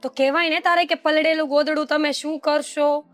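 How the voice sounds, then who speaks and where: A woman acting out a calm second daughter-in-law in a family drama, asking questions gently. Her voice is high, with faint instrumental music behind it. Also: fairly quick, no room sound, natural voice.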